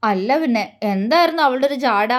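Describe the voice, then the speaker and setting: A woman voicing a devoted young husband in an audio love story, speaking softly and earnestly with gentle teasing. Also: a little high, lively intonation, a little fast, lightly acted. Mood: tender.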